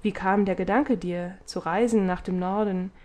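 A woman voicing a stately, motherly city goddess in an audiobook, with a measured, gently reproachful delivery. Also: mid-range voice, steady tone, lightly acted. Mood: fond. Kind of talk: audiobook character reading.

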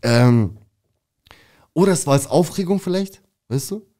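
A young man from Berlin, an interview guest telling a story in a casual, slangy and animated way. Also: fairly high pitch, a little slow. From Berlin, Germany. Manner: slangy and animated, calls the listener "bro".

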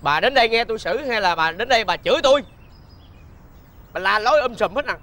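An actor playing a stern young district mandarin judge in a folk tale TV drama. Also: male voice, sits high, expressive, brisk, noisy background. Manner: stern, commanding orders.

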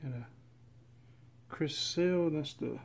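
A man casually narrating as he opens packs of trading cards, reading off names in a steady, relaxed list. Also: fairly high pitch, takes it slowly, vocal fry. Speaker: card collector opening packs. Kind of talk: casual running commentary. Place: indoors at a table.

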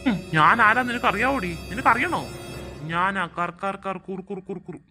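A woman voicing a teasing talking chair creature in a kids' comedy skit, chanting nonsense slowly. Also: mid-range voice, music in the background, close to an everyday voice. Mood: taunting.

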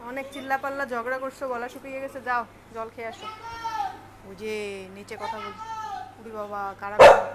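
A woman at home at night, scolding and coaxing her pet in baby talk. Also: high voice. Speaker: pet owner. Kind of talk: home video, talking to a pet. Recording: noisy home recording with dog sounds. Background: dog barking and whining.

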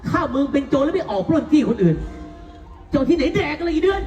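A man playing a gruff, bullying bandit father in live folk theater, shouting coarse threats. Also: very high voice, big pitch swings, fast, lo-fi sound. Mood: angry. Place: outdoor temple fair stage. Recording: echoey stage with loud music and crowd.

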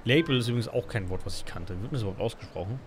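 A man's voice: fairly low pitch, racing, a little mellow, slight background noise. A man casually commenting on his gameplay as a let's play host, muttering and rambling with many fillers.

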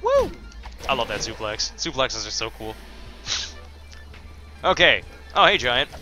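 A man chatting loosely through a video game playthrough, with a very bright, sharp-edged tone and lots of ums and uhs. Faint game music plays behind him. He pokes fun at his own skills as he goes. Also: medium pitch, expressive, unhurried. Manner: rambling, self-deprecating, many fillers. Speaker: let's play host. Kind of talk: casual gameplay commentary.

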